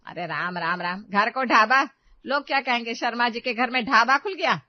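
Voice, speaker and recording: A woman's voice: a little high, normal speed, muffled recording, natural voice. A woman voicing a traditional older mother-in-law who coaxes and frets. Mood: fretful.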